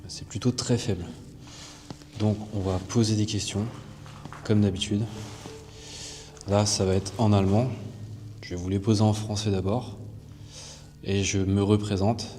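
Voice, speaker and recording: A man hosting a paranormal investigation, calmly explaining things to his viewers with small hesitations as he goes. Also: fairly low pitch, unhurried, pauses often, a little hiss or hum. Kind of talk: casual vlog narration. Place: underground bunker tunnels. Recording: long underground reverb with faint music.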